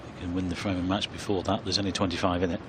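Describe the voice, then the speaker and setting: A man's voice: low voice, level tone, very fast. A man giving live commentary on a snooker match as play unfolds. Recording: clear background noise.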